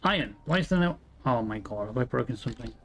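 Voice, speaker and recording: A fast-talking man with a medium-pitched, slightly bright voice shows vocal fry and lively intonation. He streams a factory-building game, chatting casually, and he's from Wales but has an English accent; he swears freely, mutters to himself, and frequently puts himself down.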